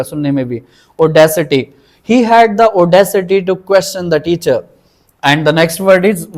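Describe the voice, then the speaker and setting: High-voiced man teaching vocabulary. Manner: explains patiently, repeats words slowly for pronunciation. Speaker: English teacher. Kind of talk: vocabulary lesson.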